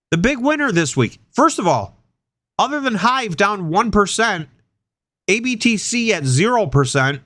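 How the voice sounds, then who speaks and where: Hosting a casual investing show, a man with a voice on the high side and a bit bright sounds congested from a sinus infection. He rambles and repeats words as he thinks aloud, recorded in studio quality with no room sound.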